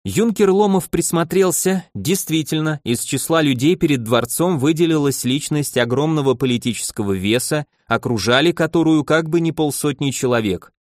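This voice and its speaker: A man narrating a novel in a measured, even storytelling manner. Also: on the high side, no echo, studio quality. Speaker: audiobook narrator. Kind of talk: scripted narration.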